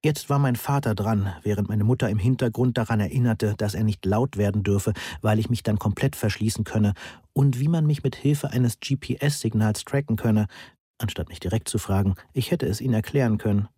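A man reading a first-person story aloud in an even, matter-of-fact way. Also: on the low side, normal speed, slightly rough, no room sound, studio quality. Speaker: audiobook narrator. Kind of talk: scripted first-person narration.

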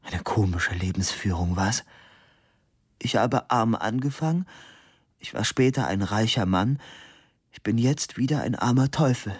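A man's voice: fairly low pitch, lively intonation, unhurried, long pauses, breathy edge, dry recording, clean studio sound, heavily acted. A man voicing a resigned, rambling old male inventor in a storybook reading, with a wry, musing manner.

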